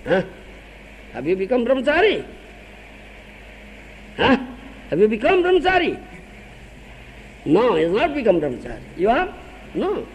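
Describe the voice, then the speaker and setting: A man's voice: extremely high pitch, huge pitch swings, moderate pace, long pauses, long reverb tail, slight background noise, low-quality recording. An older man with an Odia accent, a spiritual teacher giving a sermon, laughing often and questioning his listeners.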